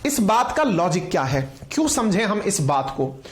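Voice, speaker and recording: Lively male teacher in a roomy space. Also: high voice, normal speed. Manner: lively, asks viewers questions, calls them companions. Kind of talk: classroom lecture to online viewers. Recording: roomy echo.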